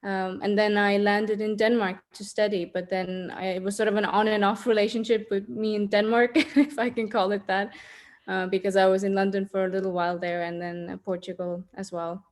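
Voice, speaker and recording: A woman's voice: medium pitch, flat delivery, a little fast. Candid Estonian woman in her thirties. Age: 30s. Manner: candid, reflective, many ums and uhs. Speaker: podcast guest. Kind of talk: podcast interview.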